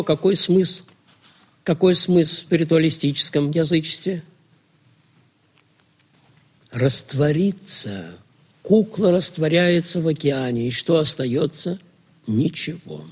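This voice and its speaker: Male lecturer, gravelly and husky, rhetorical questions answered in turn. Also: medium pitch. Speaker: lecturer on religion. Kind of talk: lecture to students.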